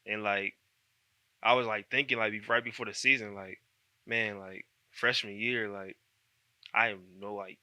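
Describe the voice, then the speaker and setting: Young man, college football player, soft-spoken, lowish smooth voice. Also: steady tone, normal speed, pauses often, no room sound. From Columbus, Ohio. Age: 20s. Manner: soft-spoken, easygoing, filler-heavy. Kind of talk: casual interview chat.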